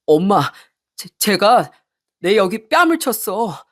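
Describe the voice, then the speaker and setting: A woman's voice: mid-range voice, big pitch swings, slow. A woman voicing a self-pitying young husband who whines, blames his wife and begs, in a radio story. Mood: whiny, indignant. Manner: whining, blaming, later pleading.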